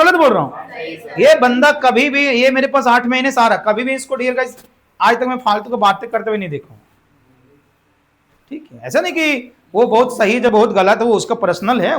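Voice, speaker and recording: A middle-aged English teacher from India lectures his class in a very high-pitched, fairly bright voice. He repeatedly puts questions to his students and draws out his words.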